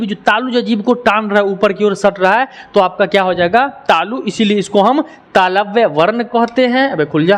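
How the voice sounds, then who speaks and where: A male teacher with a high voice gives a grammar lesson. He sounds each syllable aloud for the class, then asks a question and answers it himself. English words slip in among his explanations.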